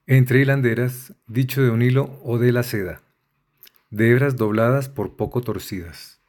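Male reader, slow deliberate delivery, dictionary entries, spells words out. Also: mid-range voice, a little mellow. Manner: measured, spells out letters. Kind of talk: slow dictionary-entry reading.

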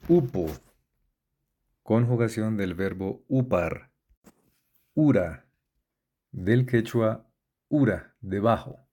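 Reading a word list very slowly and deliberately, a man with a low, dark, mellow voice spells out each letter and accent mark with care, like someone reading a dictionary aloud.

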